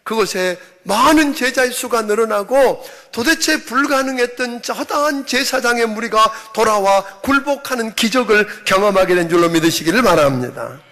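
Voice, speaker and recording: A man's voice: high voice, pushed and bright. A middle-aged man preaching a sermon as senior pastor, emphatic, often acting out quoted voices.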